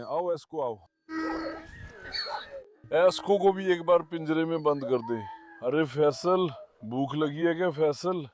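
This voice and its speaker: A man's voice: fairly high pitch, darkish tone. A man talking casually on his farm vlog, affectionately calling out to his dogs as if they were his children. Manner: affectionate, coos at his dogs and calls them his lions. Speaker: farm pet vlogger. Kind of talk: casual vlog talk to camera. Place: outdoors on a farm.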